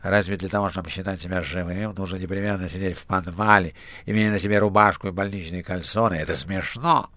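A man voicing a sinister male demon henchman in an audiobook, drawing his words out slowly and mockingly. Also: low voice, fairly even intonation, sharp tone, no echo. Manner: slow, drawn-out delivery. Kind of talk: audiobook character voice.

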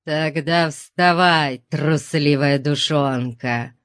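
A man voicing a brutal, thick-necked guard who growls slow, loud threats. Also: on the high side, dry recording, clean studio sound. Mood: menacing.

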